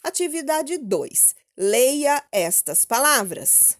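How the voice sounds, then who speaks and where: A Brazilian woman teacher giving a recorded lesson to children, speaking slowly and clearly and checking in with questions. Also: high voice, big pitch swings. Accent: Brazilian Portuguese. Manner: slow, clear, prompting with questions and "ok?".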